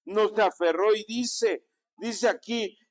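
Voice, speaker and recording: Here a pastor from Mexico, speaking with a Mexican Spanish accent and a strikingly high voice, takes his sermon slowly and deliberately. He keeps prompting his congregation to respond by repeating his words.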